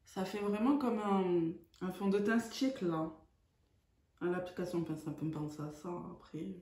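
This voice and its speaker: A woman's voice: fairly low pitch, steady tone, moderate pace, warm tone. A woman chatting through a makeup tutorial, hesitant and full of fillers. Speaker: beauty vlogger. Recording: echoey room.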